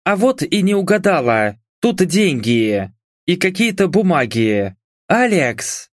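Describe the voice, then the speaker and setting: A man's voice: high voice, sing-song, slow pace, dry recording, clean studio sound, pitched above the performer's own voice, heavily acted. A man putting on a carefree, teasing young woman. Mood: cheerful. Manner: breezy, teasing, unbothered. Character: carefree red-haired young woman radio host.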